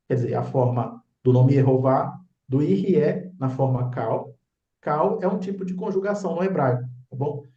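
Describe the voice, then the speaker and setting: A man's voice: fairly high pitch, dark tone. A man explains slides as a religious teacher, insistent and often checking in with the listener. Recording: echoey room, dull lo-fi sound.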